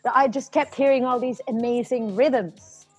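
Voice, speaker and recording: Young Finnish-born woman drummer, chatty and upbeat, higher voice, faint music under her speech. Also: steady tone, moderate pace, slightly rough. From Finland. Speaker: interview guest, drummer. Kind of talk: casual interview chat.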